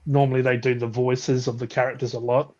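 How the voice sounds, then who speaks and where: A man's voice: mid-range voice, level tone, a little fast, a little mellow. A man talking casually with a rambling, restart-heavy manner, breaking into laughter as he goes. His voice comes through dull, lo-fi live stream audio. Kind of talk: casual chat.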